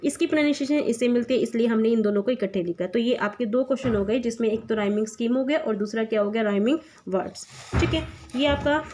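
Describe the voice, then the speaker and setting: Woman teacher, fairly high voice, explains a poem, asks and answers her own questions, reads English lines slowly. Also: warm tone, a little hiss or hum. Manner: repeats questions and answers them herself. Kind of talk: classroom poem explanation in Hindi-English mix.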